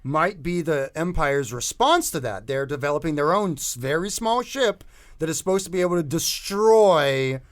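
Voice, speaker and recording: Man as game master, fairly high voice, halting, lots of restarts. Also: animated. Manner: loose, halting narration with many restarts and fillers. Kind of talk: narrating a tabletop role-playing game.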